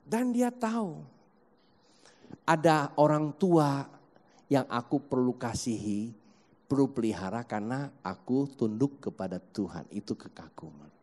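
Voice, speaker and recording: A man's voice: mid-range voice, sing-song, measured pace, darkish tone. A male preacher giving a sermon into a handheld mic, talking straight to his congregation and slipping into acted everyday quotes. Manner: addresses the congregation directly and acts out everyday quotes. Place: church. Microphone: handheld microphone. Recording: echoey church hall.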